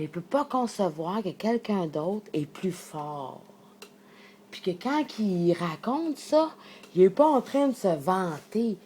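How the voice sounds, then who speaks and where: A woman with a Québécois French accent talks to camera in a casual vlog, sharing her thoughts. Her voice sits on the low side with a warm tone, and there's a slight hiss or hum. She's emphatic, rambles, and swears freely.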